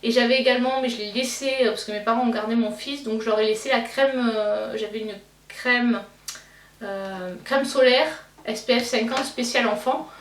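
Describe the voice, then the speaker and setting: A woman's voice: a little high, steady tone, normal speed. Young Belgian woman, casual beauty chat, hesitant, distant roomy sound, light background hiss. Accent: Belgian French. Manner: hesitant, many fillers and restarts. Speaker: beauty vlogger. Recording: roomy, slightly distant mic, faint noise.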